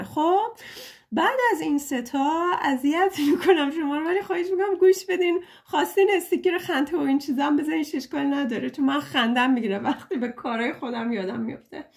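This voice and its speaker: A young woman with a high-pitched, darkish voice gives a casual tarot reading. Chatty and playful, she jokes at her own expense and fondly pleads with her listeners.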